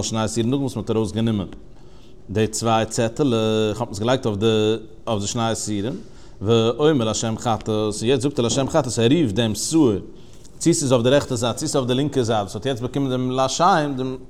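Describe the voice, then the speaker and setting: Guy teaching talmud, singsong chanting, mid pitch, lots of restarts. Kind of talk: Yiddish-style Talmud lesson.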